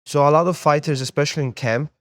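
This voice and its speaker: Born in Poland, the young adult guest coaches MMA and works as a sports therapist; he chats in a laid-back manner, frequently repeating words while finding the right ones. His voice sits on the high side and he talks fast, in a dry recording.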